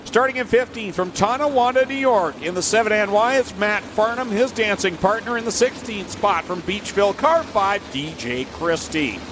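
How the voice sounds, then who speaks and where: A man's voice: high voice, animated, normal speed, hardly any pauses. A man giving motorsport play-by-play commentary as a race announcer with a projected delivery. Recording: noisy outdoor trackside with vehicle engines. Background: race cars and outdoor ambience.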